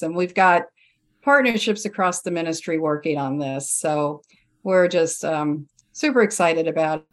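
A woman speaking as an interview guest in a conversational way, earnest and enthusiastic. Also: fairly low pitch. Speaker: guest, charity foundation representative.

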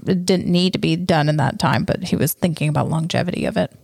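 A woman in casual podcast chat, playful and joking, quick to laugh. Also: low voice, vocal fry, a little mellow, husky. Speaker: podcast co-host.

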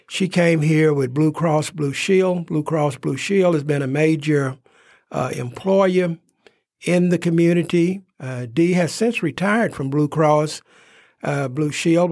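Guy hosting a local interview show, kinda high voice, gravelly, dry sound. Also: dry recording. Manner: warm, filler-heavy, unhurried. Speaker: host.

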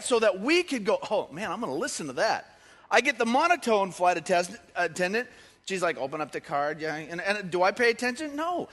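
A pastor with a high, slightly bright voice preaches a sermon, telling stories in a joking, conversational style. He's in a church hall, and the recording carries long hall reverb.

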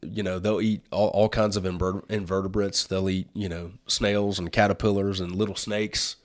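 A man's voice: low voice, flat delivery, normal speed. A man hosting a casual chat, explaining things in a folksy, plain-spoken way. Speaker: host and turkey conservationist.

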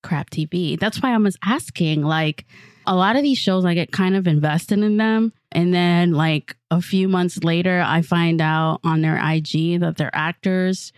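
A woman's voice: lowish voice, a little slow, no room sound, clean studio sound. A woman from the Republic, co-hosting a casual chat in informal, slangy talk. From Santo Domingo, Dominican Republic. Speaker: podcast co-host, actor.

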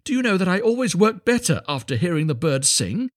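A man's voice: high-pitched, sing-song, brisk, no room sound, clean studio sound, pitched above the performer's own voice. A man voicing a shy, timid, humble little man in a storybook, apologetic and hesitant, eager to please. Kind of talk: storybook character voice.

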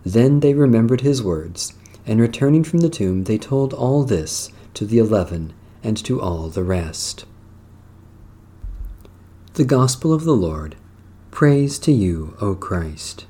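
A man leading worship as clergy, reading prayers and scripture in a solemn, measured, declamatory way. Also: fairly low pitch, animated, mellow, slightly rough.

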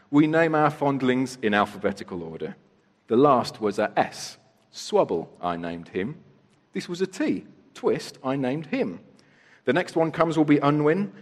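A man's voice: medium pitch, voice pushed up, lightly acted. A man putting on a pompous old beadle. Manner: puffed-up, officious. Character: pompous self-important male workhouse beadle. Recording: echoey hall with long reverb.

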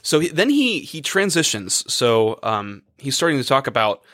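A man's voice: medium pitch, big pitch swings, moderate pace, a bit bright, dry recording, clean studio sound. A young man who is a priest, talking casually and thinking aloud while losing his voice after a long day. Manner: rambling, thinking aloud with many fillers. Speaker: priest and podcast co-host. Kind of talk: casual chat, reading letters aloud.

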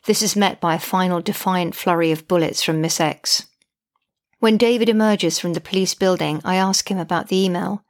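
A woman's voice: fairly low pitch, normal speed. A woman narrating her own diary-style account as a mother, indignant, wry and exasperated.

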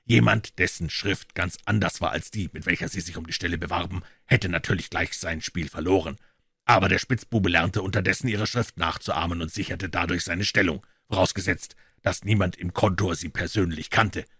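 A man voicing a confident, impatient male detective explaining his reasoning briskly. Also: low-pitched, sharp tone, husky, no echo, studio quality, exaggerated voice.

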